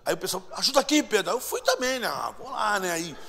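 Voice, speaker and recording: A man preaching a lively storytelling sermon, acting out voices and shouting at times. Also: sits high, brisk, creaky, breathy edge. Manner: animated, acts out voices and shouts. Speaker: pastor. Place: church sanctuary. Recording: long church hall reverb.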